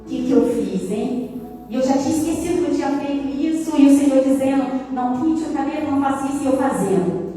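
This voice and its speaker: A woman's voice: sits high, fast talker, mellow. A woman preacher giving a fervent testimony sermon, telling her story dramatically and slipping into sung phrases. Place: large echoey church hall. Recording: echoey hall, distant mic, faint music.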